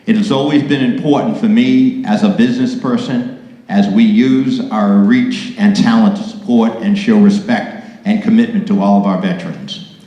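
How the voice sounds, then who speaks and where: Low mellow guy w a radio voice giving thanks, big echoey hall. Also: fairly even intonation, lo-fi sound. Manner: measured, polished radio delivery. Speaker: award recipient. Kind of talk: prepared acceptance speech. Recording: very echoey hall with long reverb.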